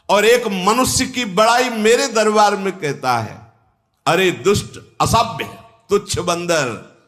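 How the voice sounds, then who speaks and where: A man's voice: high voice, fairly bright tone, pitched above the performer's own voice, heavily acted. A male preacher voicing an arrogant, boastful demon king with scornful retelling.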